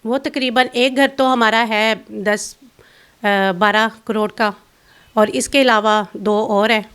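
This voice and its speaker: Bitter, accusing high-voiced woman. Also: steady tone, a bit bright, clear, resonant tone. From Pakistan. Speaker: interview guest. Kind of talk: emotional complaint in an interview.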